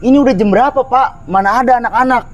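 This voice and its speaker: An actor playing a frantic school worker who pleads and insists a flood is coming, with faint music under the scene. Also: male voice, extremely high pitch, quick pace, highs cut off, a little hiss or hum. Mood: pleading. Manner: panicky, pleading, keeps adding "Pak". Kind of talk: horror film acting.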